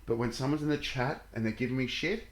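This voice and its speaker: A man's voice: mid-range voice, fast talker, over a noisy crowd. Blokey man streaming games in an echoey room. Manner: blokey, sweary banter. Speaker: video game streamer. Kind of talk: casual live stream game chat. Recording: roomy echo, background noise.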